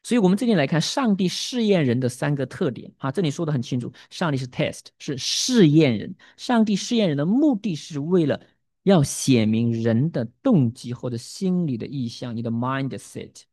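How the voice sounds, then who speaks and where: A middle-aged man preaching a sermon as pastor, animated, asking rhetorical questions and dropping in English words. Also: fairly high pitch, normal speed, no echo, clean studio sound. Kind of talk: expository sermon.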